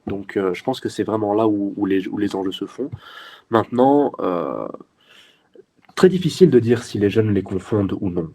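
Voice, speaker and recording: Young man, 21, Belgian French accent, low-ish pitch, mellow tone, earnest explaining, hesitant restarts. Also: expressive, normal speed. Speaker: guest, youth party section president. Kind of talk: interview answers.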